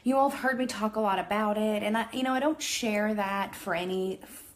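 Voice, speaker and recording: A woman's voice: mid-range voice, a little fast. A woman in her thirties speaking earnestly and openly to camera in a casual video diary, with many fillers. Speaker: vlogger.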